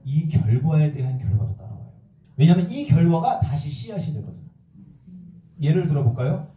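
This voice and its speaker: A man's voice: on the high side, fairly quick, recorded from a distance, highs cut off. A man, a Buddhist monk, giving a sermon with questions to the audience, acting out quoted voices and joking, in an echoey temple hall a little off the mic. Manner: lively, acts out quoted voices and jokes.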